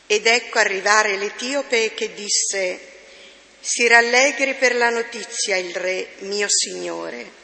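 A woman reads scripture at a slow, measured pace. Her voice is gravelly and bright. It carries a long church reverb. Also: mid-range voice. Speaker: lector. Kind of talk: scripture reading and psalm.

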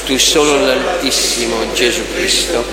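A male priest leads the prayers of a Mass at an unhurried, solemn pace, his mid-pitched voice washed in cathedral echo. A long, roomy reverb trails after each phrase. The congregation can be heard in the background. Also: fairly even intonation, over a noisy crowd. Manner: slow, solemn intoning. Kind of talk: liturgical prayer recitation. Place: large church. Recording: long echoing church reverb.

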